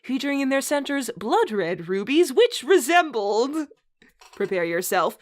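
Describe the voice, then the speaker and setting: A woman with a high voice and big pitch swings reads a bad fantasy story aloud a little slowly, in a dramatic style. She's giggly, often breaking into laughter and adding amused asides.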